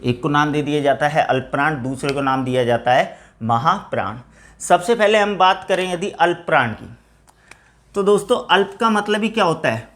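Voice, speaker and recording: A male teacher giving an exam-prep grammar lesson, asking rhetorical questions and answering them himself in a lower voice, often calling his students friends. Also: lively intonation, moderate pace. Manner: drops to a lower, quieter voice on each answer.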